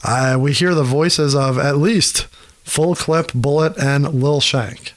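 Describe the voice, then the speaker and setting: A man's voice: on the high side, slow pace, no echo. A man in his thirties co-hosting a podcast, talking loosely and swearing casually. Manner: loose and profane, trading references. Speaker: podcast co-host.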